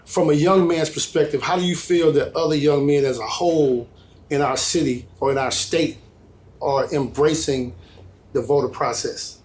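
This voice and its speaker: Higher-voiced man hosting a panel. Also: fairly even intonation, moderate pace, darkish tone. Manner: loose, repeats "like" and "just". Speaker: panel host.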